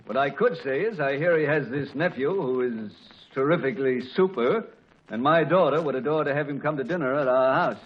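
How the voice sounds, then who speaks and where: A man's voice: mid-range voice, a little fast, slightly rough, natural voice. A middle-aged family father played by a man speaks in an ordinary mid-range voice. He is wry and mock-formal, teasing and grumbling in old radio comedy style, on a muffled vintage recording. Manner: dry, mock-formal sarcasm. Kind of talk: 1940s radio comedy acting.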